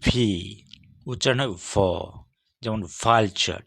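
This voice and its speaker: A man giving a steady, measured lesson as an English teacher, walking through letters one by one. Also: mid-range voice, no echo, studio quality. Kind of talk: scripted lesson on English consonant sounds.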